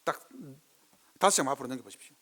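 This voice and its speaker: A man's voice: mid-range voice, big pitch swings, fast talker, pushed and bright. A middle-aged male pastor with a Gyeongsang Korean accent preaching a sermon, acting out quoted speech in dialect.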